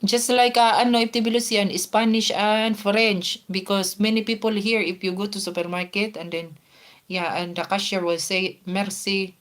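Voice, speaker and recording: A woman's voice: mid-range voice, level tone, normal speed. Filipina woman chatting on a live stream. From Philippines. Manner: chatty, reads names and questions aloud, many "ano" fillers. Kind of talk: live chat, reading out viewer comments. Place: outdoors in Spain near the sea.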